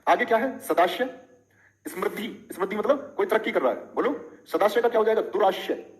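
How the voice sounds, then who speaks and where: A man's voice: high-pitched, animated, normal speed, rough recording. A middle-aged man teaching a live online Hindi lesson, chatty, explaining with playful examples and questions to his students.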